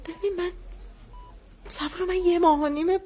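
An actress playing a grieving pregnant nurse in a hospital drama, speaking softly through tears. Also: female voice, extremely high pitch, fairly even intonation, slight background noise. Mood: tearful. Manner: soft, tearful. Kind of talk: TV drama acting.

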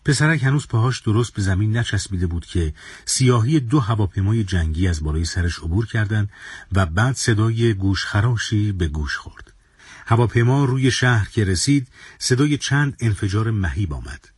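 A man narrating an audio story in a measured, solemn way. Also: lowish voice, lively intonation, a little mellow, husky, dry recording, clean studio sound.

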